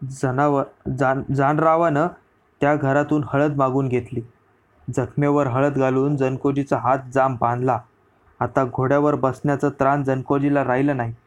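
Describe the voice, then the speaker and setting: A man narrating a historical story as an audiobook reading, in a steady storyteller delivery. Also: medium pitch, moderate pace.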